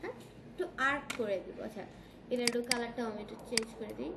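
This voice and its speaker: A woman with a Bangladeshi Bengali accent teaching a design software class, checking in often with her students. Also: fairly high pitch, fast talker, gravelly. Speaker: design tutor. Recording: echoey room with background noise.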